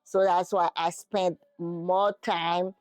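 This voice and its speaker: A woman's voice: lowish voice, flat delivery, slow, darkish tone, dry recording. A middle-aged woman from Haiti with a Haitian accent, English not her first language, answering interview questions hesitantly while searching for words. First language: Haitian Creole and French. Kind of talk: casual interview.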